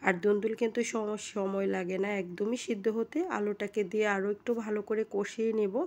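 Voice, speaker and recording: Hoarse female cooking host with a cold, easygoing recipe voice-over, middle pitch. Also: little pitch movement, brisk, darkish tone. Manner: step-by-step, chatty instructions.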